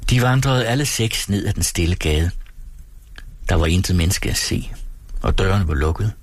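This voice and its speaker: Low husky guy reading an old novel, calm and measured, dead dry sound. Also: dry recording. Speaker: audiobook narrator. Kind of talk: reading a classic novel aloud.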